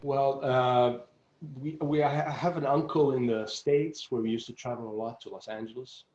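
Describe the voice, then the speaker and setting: Guitarist guest, man around forty from Jordan, loose halting chat, roomy echoey sound. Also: medium pitch, fairly even intonation, a little mellow, dull audio. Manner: rambling, halting, frequent restarts and laughs. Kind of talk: casual interview chat. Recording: roomy echo.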